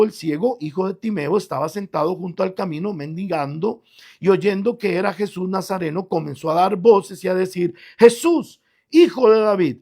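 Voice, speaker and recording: High raspy-voiced preaching pastor. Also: male voice. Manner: preaching with rising emphatic bursts. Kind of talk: radio sermon.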